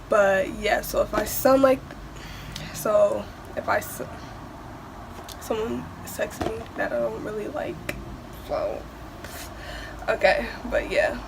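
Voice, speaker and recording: Slow-talking congested teen girl. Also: mid-range voice, fairly even intonation, creaky, background noise. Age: teens. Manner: rambling, many fillers. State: sick and stuffed up. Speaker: vlogger. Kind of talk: casual unboxing chat.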